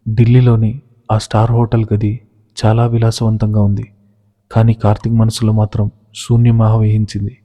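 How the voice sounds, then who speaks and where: A male storyteller reading a scripted drama in an even, measured way. His voice is low and extremely flat, with a very dark, mellow tone. The recording sounds roomy and dull, like lo-fi audio with a long reverb. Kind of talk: scripted narration.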